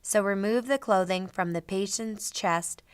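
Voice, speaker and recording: A middle-aged woman narrating a scripted training demonstration in a clearly enunciated, instructional manner. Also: medium pitch, a little slow, dry recording. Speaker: instructor, presenter.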